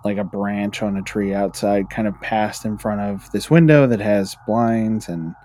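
A man's voice: on the low side, a little slow, mellow. A man co-hosting a podcast, chatting casually and reading spooky stories, rambling with lots of fillers and restarts. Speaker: podcast co-host.

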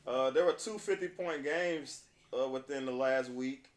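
A man's voice: mid-range voice, a little slow. Slangy man hosting sports talk in echoey room. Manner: laid-back, slangy bro talk. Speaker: host of a basketball talk show. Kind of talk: casual sports chat with read-out stats and news.

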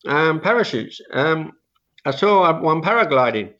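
A man's voice: fairly high pitch, big pitch swings, moderate pace, fairly bright tone. Toothless older man, dull lo-fi sound. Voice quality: toothless, slurred speech from having all teeth out. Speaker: interview guest, veteran skydiving suit maker. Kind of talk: casual reminiscing in an interview.

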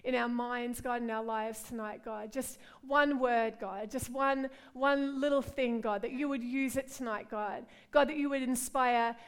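Her voice is a little high, steady, clear and resonant, moving at a measured pace with barely a pause. She is a middle-aged Australian pastor, earnestly preaching and praying at a women's conference and warmly repeating "God" and "Lord."

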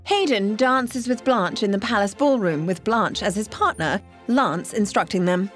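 A woman's voice: mid-range voice, normal speed, soft background music. A woman giving scripted narration of a story in a playful storytelling manner.

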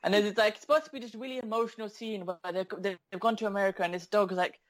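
His voice is high and he talks very fast as co-host of a casual podcast chat, spinning stories with plenty of giggling and animated energy.

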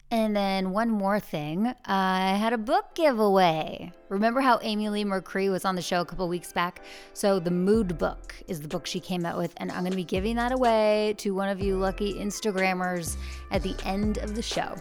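A woman hosting a podcast in casual, chatty talk, recorded alone in a huge, high-ceilinged room with lots of echo on a portable travel mic. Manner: chatty and bubbly, jokey asides. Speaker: podcast host. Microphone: portable travel microphone.

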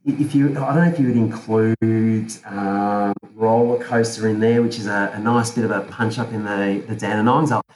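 Chatting casually as a podcast guest, a South African man talks hesitantly, full of fillers and restarts. His lowish, darkish voice stays steady at a moderate pace with hardly any pauses. The recording sounds roomy, carrying faint ambient noise.

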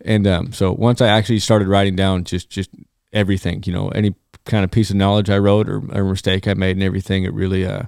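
A man chatting casually on a podcast in a halting, rambling way. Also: sits low, little pitch movement, vocal fry, darkish tone, smooth, no echo, studio quality.

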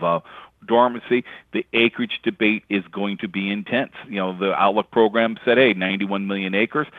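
A man speaking over the phone as a market analyst, giving relaxed, conversational commentary with frequent fillers. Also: lowish voice, dry recording. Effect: heard over a phone line. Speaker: grain and livestock market analyst. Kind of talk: casual market commentary in an interview. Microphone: telephone. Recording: tinny, dry phone line.

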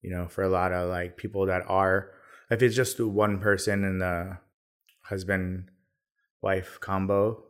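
A man talking casually as a podcast guest, relaxed and rambling with lots of fillers. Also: sits low, unhurried, clean tone. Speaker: podcast guest, business owner. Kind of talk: casual conversation.

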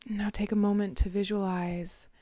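A woman guiding a visualization meditation in a soft, half-whispered, soothing voice with long pauses. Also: medium pitch, little pitch movement, no echo. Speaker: meditation guide.

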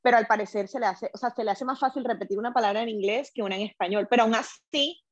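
Mom chatting on a call, medium pitch, lo-fi dead-dry sound. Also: female voice, fast, no echo. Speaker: mother, panelist. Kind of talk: casual conversation. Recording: dull dry audio.

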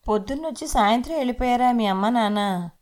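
A woman's voice: fairly high pitch, fast talker, a little mellow, voice pushed up, lightly acted. A woman voicing a curious, chatty neighbor who sounds surprised and coaxing.

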